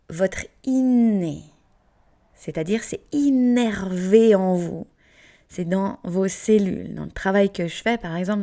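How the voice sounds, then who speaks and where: Southern French woman, yoga teacher, casual rambling talk, warm mellow tone, mid pitch. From France. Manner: chatty, playful asides with frequent fillers and soft whispered words. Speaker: yoga teacher and podcast host.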